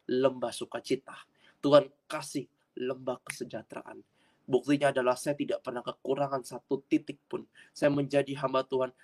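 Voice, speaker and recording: Guy preaching his testimony, mid-pitch voice, earnest, gets loud in bursts, repeats stuff. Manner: addresses audience as friends, repeats himself. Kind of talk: testimony sermon.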